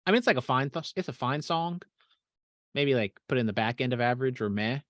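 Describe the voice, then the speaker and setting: A man co-hosting a casual podcast, talking loosely and swearing freely. His voice sits at an ordinary pitch and often fades out at the ends of his remarks. The recording is close and dry, with no room sound. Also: expressive, fast, a bit bright, no echo. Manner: casual and profane, trailing off into mumbles. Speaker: podcast co-host. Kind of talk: casual chat.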